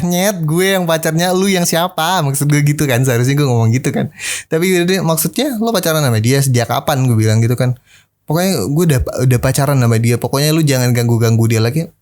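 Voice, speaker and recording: A man's voice: medium pitch, darkish tone. A young man telling a story in a casual podcast monologue, laughing often and acting out the lines of the people in it. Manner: chatty, laughs often, acts out quoted lines. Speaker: podcast host.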